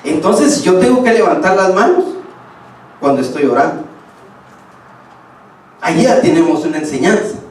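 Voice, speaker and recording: Emphatic preacher in an echoing church. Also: male voice, sits high, animated, normal speed, pauses often, a little mellow. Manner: emphatic, speaks to the congregation directly. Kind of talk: sermon. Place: church hall. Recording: echoey hall, distant mic.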